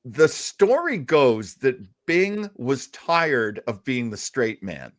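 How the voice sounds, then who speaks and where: In a casual live show about old-time radio, the male host tells stories in a chatty, jokey, self-deprecating way. His mid-range voice swings widely in pitch, and he takes his time.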